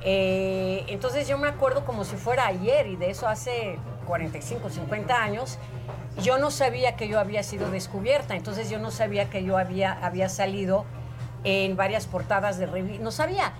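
A woman in her sixties, an actress, telling stories about her life in a lively, drawn-out way. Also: mid-range voice. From Portugal, raised in Israel. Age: 60s. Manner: animated, drawn-out storytelling, laughs easily. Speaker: actress, interview guest. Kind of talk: casual interview storytelling. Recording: music playing behind the voice.

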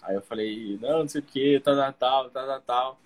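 Husky young man telling a slangy story. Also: mid-range voice, normal speed. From Cuiabá, Brazil. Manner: slangy, animated storyteller who acts out the other people in his story. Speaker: guest comedian. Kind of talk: casual storytelling.

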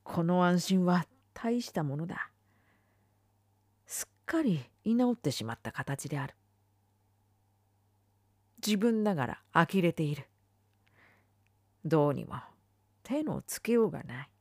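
A woman reading a literary essay aloud, dramatic, swinging between firm declarations and hushed whispers. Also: lowish voice, big pitch swings, a little slow, pauses often, breathy edge, no room sound, studio quality. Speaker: reader.

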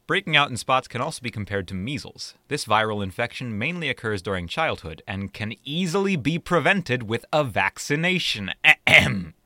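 A man's voice: medium pitch, animated, a little fast, few pauses, pushed and bright, no echo. A man co-hosting a podcast with scripted narration and dry, teasing banter. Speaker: podcast co-host.

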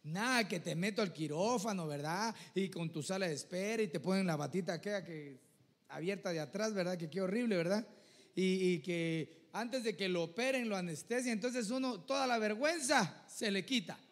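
A man delivering a sermon in a notably high voice, earnest and conversational. He keeps turning to his listeners as brother and asking for their nod. His voice rings with the long reverb of a church hall. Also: moderate pace. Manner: addresses listeners as "hermano", keeps asking "¿verdad?"; earnest, conversational preaching with vivid examples. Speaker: preacher.

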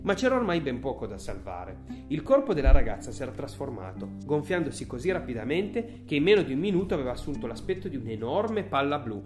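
A woman narrating a children's story aloud in an expressive audiobook reading. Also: rumbling low, brisk, hardly any pauses, over music.

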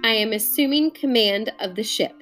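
A woman voicing a cool, commanding woman officer whose voice is firm yet soft. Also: fairly high pitch, normal speed, faint music behind, natural voice.

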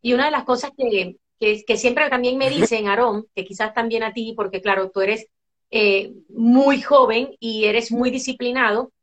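Venezuelan lady, middle-aged, guest chatting away, bit high voice, lots of "eh" and restarts. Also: moderate pace, slight background noise. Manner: animated storyteller, many fillers and restarts. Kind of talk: casual conversational interview.

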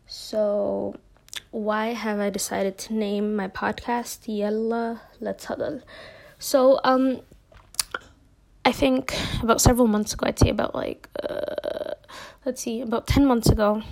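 A woman's voice: mid-range voice, vocal fry, a little mellow. Chatty young woman hosting a solo podcast. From Minneapolis, United States. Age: young adult. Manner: chatty and rambling, many fillers and self-corrections. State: a bit nervous. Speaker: podcast host. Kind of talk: casual solo podcast talk.

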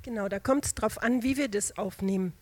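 A woman's voice: medium pitch, normal speed, no room sound. A woman preaching an informal sermon in a conversational, homely way, drawing on everyday examples and often hesitating and restarting. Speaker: lay preacher.

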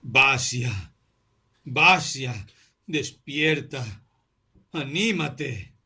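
A man's voice: medium pitch, expressive, takes it slowly, pushed and bright, breathy edge, exaggerated voice. A man voicing a distraught young clerk who pleads with his sick friend, his speech urgent and pleading.

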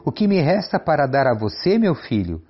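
A man's voice: a little high, big pitch swings, normal speed, highs cut off. A man reading as an old blind father, solemn. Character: aged blind father blessing his son.

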